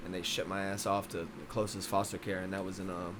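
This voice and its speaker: Young man from Philadelphia, boxing coach guest; quick, rambling, loose and casual delivery. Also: deep voice, little pitch movement, a bit bright, a little hiss or hum. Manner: fast, rambling, many restarts. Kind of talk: casual interview chat.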